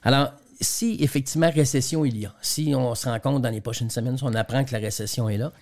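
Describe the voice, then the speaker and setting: A fast-talking man from Quebec with a medium-pitched, darkish voice and a Quebec French accent appears as a guest trainer and speaker on a radio interview. He explains business examples, often repeating words as he talks.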